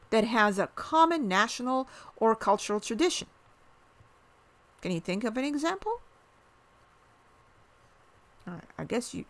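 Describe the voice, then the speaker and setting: A woman's voice: fairly high pitch, fairly bright tone, no room sound. A middle-aged woman from Morocco, explaining culture and ethnicity in an educational talk, asking the viewer questions and giving examples.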